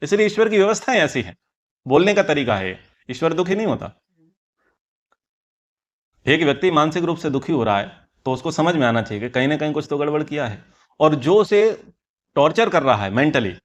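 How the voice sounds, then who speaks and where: A man teaching a scripture class, explaining earnestly and repeating key phrases for emphasis. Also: on the high side. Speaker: Vedic teacher.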